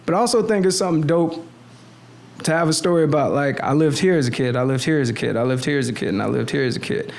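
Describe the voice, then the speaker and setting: With a gravelly voice and a fast delivery, a young clothing designer tells animated stories on a relaxed podcast, frequently restarting and leaning on slang. He is a Navy brat born in the Philippines who lived in Miami, seated at a boom mic on an arm in a small studio room.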